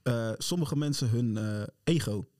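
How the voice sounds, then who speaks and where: A man's voice: medium pitch, measured pace, darkish tone. A man co-hosting a casual podcast, talking emphatically and often switching into English phrases. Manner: mixes English into his talk, emphatic and heated. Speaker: podcast co-host.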